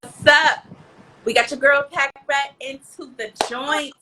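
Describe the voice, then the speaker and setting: A woman's voice: high-pitched, steady tone, unhurried, background noise. An American woman hosting a casual live interview with slangy, effusive hype. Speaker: host.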